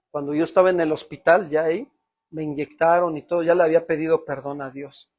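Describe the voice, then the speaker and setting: Husky-voiced Mexican pastor preaching. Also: male voice, fairly high pitch, darkish tone. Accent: Mexican Spanish. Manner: storytelling preacher, rising to emotional peaks. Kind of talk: sermon.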